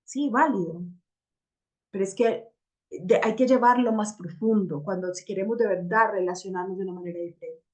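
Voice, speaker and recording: A woman's voice: mid-range voice, moderate pace. A woman teaching a personal growth workshop, talking reflectively and often checking in with her listeners. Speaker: workshop facilitator.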